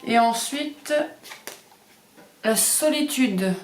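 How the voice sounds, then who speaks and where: A woman's voice: fairly high pitch, lively intonation, drawn-out words. A woman doing a casual card reading, talking hesitantly with many fillers and repeating the card words. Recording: echoey room.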